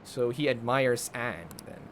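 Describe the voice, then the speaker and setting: With game music behind him in an indoor streaming setup, a young man offers casual, rambling live commentary, often repeating himself. His mid-range voice is a bit bright, lively in intonation and a little slow, captured by a close desk mic while he wears a headset, with a little hiss or hum.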